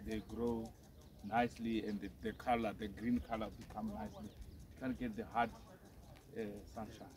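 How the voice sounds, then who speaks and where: A man's voice: lowish voice, level tone, normal speed, crowd noise. A man from Zimbabwe who runs a plant nursery, answering interview questions outdoors and searching hesitantly for words. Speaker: nursery owner.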